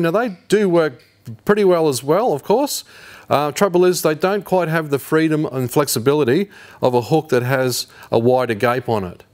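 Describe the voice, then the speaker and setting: A man in his fifties with an Australian accent, hosting a fishing tutorial in a garage workshop and explaining each step in a relaxed, slangy way. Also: mid-range voice. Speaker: fishing channel host. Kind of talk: hands-on tutorial. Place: indoor garage workshop with shelves.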